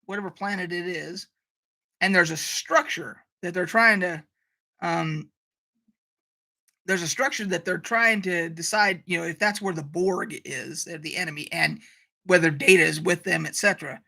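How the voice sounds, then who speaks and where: Woman, live-stream host, bright ringing voice, animated profane rant, casual chat. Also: fairly low pitch, normal speed, gravelly. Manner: ranting, animated, swears freely; reads out viewer chat comments.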